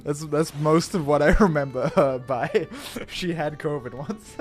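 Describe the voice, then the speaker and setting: A young adult man chatting casually while he streams a game, joking at his own expense and giggling a lot. He talks unhurriedly in a slightly higher-than-average voice, with game music faintly behind him. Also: a little slow. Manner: joking, giggly, self-deprecating. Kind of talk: casual live-stream commentary.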